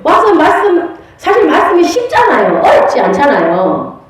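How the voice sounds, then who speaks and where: A woman, a pastor's wife, teaching a church class on prophecy, telling stories in a lively way and laughing often. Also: high-pitched, normal speed. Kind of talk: church lecture with storytelling. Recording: very echoey room.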